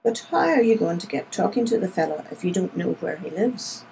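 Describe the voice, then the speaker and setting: A woman voicing an imperious, impatient upper-class landowner, brusque and demanding, raised in pitch and volume over her narrating voice. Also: very animated, brisk, gravelly, dark tone, slight background noise, poor audio.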